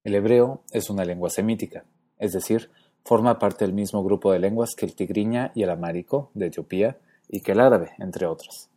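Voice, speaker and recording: A man with a fairly low voice narrates a scripted lesson. His delivery is measured and explanatory. He slows down deliberately to pronounce each example word. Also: dark tone. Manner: measured and explanatory, slowing to spell out example words. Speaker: language lecturer.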